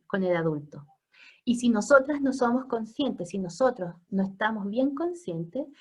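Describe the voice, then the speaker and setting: A middle-aged woman teaching an informal class, chatty, often checking in with listeners and laughing. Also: fairly high pitch. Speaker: family constellations teacher. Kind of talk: informal online class lecture.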